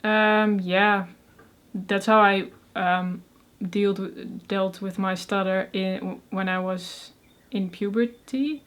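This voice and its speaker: A young Dutch woman from the Netherlands, a guest in a casual interview, speaks with a medium pitch, fairly even intonation and a slow pace, in a clean tone. She is soft-spoken, stutters on first sounds, uses many fillers and laughs frequently.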